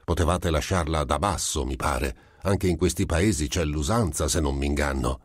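A man's voice: a bass voice, moderate pace, slightly rough, no echo, clean studio sound. A man reading the part of an irritable, suspicious merchant who answers rudely and defensively. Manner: curt, defensive, increasingly loud. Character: irritable suspicious male merchant, middle-aged.

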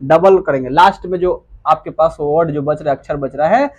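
His voice is on the high side and a little mellow as he teaches English grammar in classroom-lecture fashion. He keeps raising questions he then answers himself, drawing out and repeating key words.

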